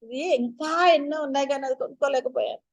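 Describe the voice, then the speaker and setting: A woman with a high voice leads a spiritual discourse. She keeps posing rhetorical questions and talks straight to her listeners. Her manner stays chatty and coaxing. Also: fairly even intonation, fast, a little mellow. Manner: addresses listeners directly. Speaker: spiritual teacher.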